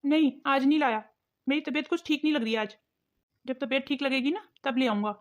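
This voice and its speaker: A woman's voice: sits high, steady tone, a little fast, natural voice. Woman voicing a meek, weary cartoon husband. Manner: weary, defeated. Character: meek tired young husband. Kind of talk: cartoon voice acting. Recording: muffled lo-fi recording.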